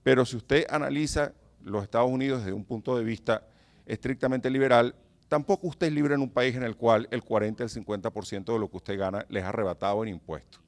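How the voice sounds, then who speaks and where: A man's voice: medium pitch, fairly even intonation, a little fast. A Venezuelan man with a Venezuelan Spanish accent giving a public lecture as a professor, earnest and emphatic, putting rhetorical questions to his audience.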